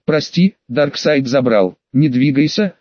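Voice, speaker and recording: A male narrator voicing a calm young woman who gently comforts an injured teammate. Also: medium pitch, measured pace, no echo, lightly acted. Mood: soothing. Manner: gentle, soothing. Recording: dull, dry lo-fi recording.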